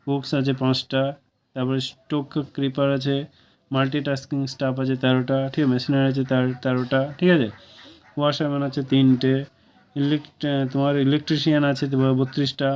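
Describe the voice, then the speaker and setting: A man's voice: mid-range voice, clean tone. A man with a Bengali accent, going through a job vacancy notice for viewers in a casual, chatty way and checking in often to ask if they follow. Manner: casual, keeps asking "okay?" to viewers. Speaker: job news presenter. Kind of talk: informal job-vacancy explainer. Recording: dull lo-fi recording.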